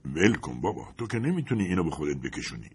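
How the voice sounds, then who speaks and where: A man's voice: extremely low pitch, big pitch swings, darkish tone, husky, heavily acted. A man voicing a young male soldier in an audiobook, urgent and pressing. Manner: urgent, raised voice.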